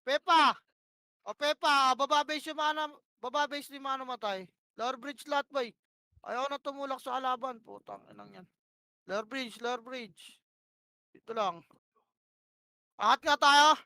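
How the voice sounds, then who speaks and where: Bossy high-voiced woman barking game calls. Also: normal speed, pauses often, bright, forceful tone, no echo, studio quality. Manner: bossy, profane, barks short repeated commands. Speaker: online game player calling plays to her team. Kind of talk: live gameplay shot-calling.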